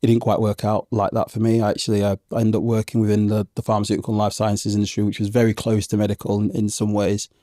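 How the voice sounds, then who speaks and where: Man in his thirties, low mellow voice, dry close sound; reflective interview guest, hesitant phrasing. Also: completely flat delivery, quick pace, hardly any pauses, no echo. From Zambian parents, raised in England from age one. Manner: reflective, hesitant with many ums and restarts. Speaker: podcast guest. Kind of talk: conversational interview.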